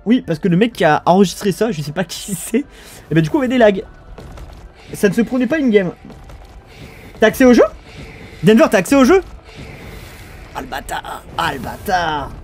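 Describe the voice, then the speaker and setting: A young man with a French accent and a slightly high voice casts a strategy game live. He rambles and banters with his viewers, stumbling over restarts, with faint music in the background. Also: a little mellow. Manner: chatty, banters with chat, trails off and restarts. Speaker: esports caster. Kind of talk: casual live game commentary.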